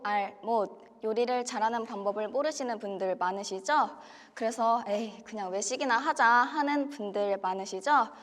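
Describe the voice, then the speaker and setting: A young woman in her twenties acting as a student show host, giving an upbeat, persuasive home-shopping sales pitch. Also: a bit bright, big-room sound. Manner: upbeat, persuasive selling patter.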